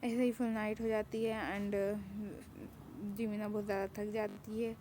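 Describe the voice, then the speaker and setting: A woman narrating a fan story in a casual, plain way. Her delivery is flat, and her tone is warm and dark. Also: medium pitch, normal speed, slight background noise.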